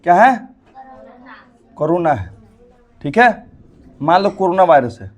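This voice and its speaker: A man's voice: high-pitched, big pitch swings, slow pace, muffled recording. A young male teacher giving a classroom lecture, often asking the class questions and acting out the body with sound effects.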